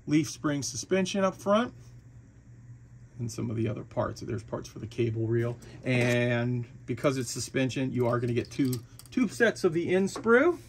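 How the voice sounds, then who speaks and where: Guy, mid-pitched, easygoing hobbyist walkthrough with lots of fillers. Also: husky. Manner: relaxed, chatty, with frequent fillers and restarts. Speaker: hobby shop owner reviewing a model kit. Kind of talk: casual product walkthrough.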